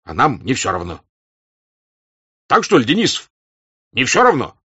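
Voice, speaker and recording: A man playing a gruff old hussar captain. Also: mid-range voice, huge pitch swings, normal speed, bright, forceful tone, highs cut off, voice pushed up, heavily acted. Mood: reproachful. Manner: scolding, emphatic, fatherly. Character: gruff older male hussar staff-captain, stern, honest.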